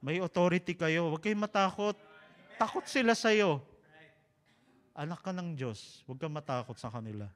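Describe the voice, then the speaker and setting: A man with a Filipino accent preaching a sermon, an animated, joking storyteller who slips between Tagalog and English. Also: on the high side, normal speed, pauses often, long reverb tail.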